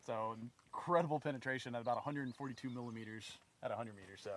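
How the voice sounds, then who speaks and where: Quick, matter-of-fact range guide. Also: male voice, mid-range voice. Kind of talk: explaining outdoors. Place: outdoor firing range.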